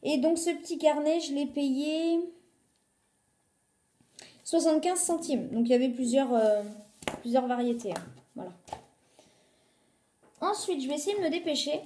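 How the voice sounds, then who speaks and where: High-voiced woman chatting in echoey room. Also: lively intonation, measured pace, pauses often, dark tone. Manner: chatty, many fillers, lists prices. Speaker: vlogger showing a shopping haul. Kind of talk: casual haul vlog. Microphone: phone.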